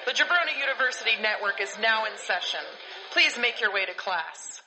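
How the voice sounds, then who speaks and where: A podcast host putting on the voice of a formal school announcer speaking over a PA system. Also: male voice, sits high, lively intonation, a little fast, pitched above the performer's own voice, rough recording. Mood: announcing.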